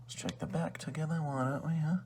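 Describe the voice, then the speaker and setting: In an ASMR role-play, a man plays a rude, condescending librarian who sells used books, keeping up chummy but insulting salesman-style patter in a casual, pitching mood. His voice sits on the high side with fairly even intonation, a darkish tone, and a slightly quick pace, close to an everyday voice. There's slight background noise behind this ASMR performer.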